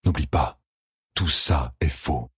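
A man voicing a calm, grave male wolf guide in an audiobook, speaking slowly and softly. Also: extremely low pitch, slightly rough, no room sound, studio quality, voice pushed down, heavily acted. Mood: grave warning.

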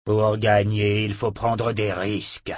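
A man's voice: lowish voice, monotone, takes it slowly, no room sound, clean studio sound. A man doing a ruthless emperor. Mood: curt. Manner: curt, commanding. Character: ruthless warlord emperor, blunt and harsh.

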